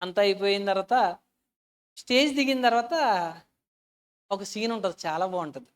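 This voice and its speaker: A woman preaching a sermon with personal stories, earnest and emotional, often asking her listeners questions and swinging from soft to loud. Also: mid-range voice, lively intonation, moderate pace, clear, resonant tone.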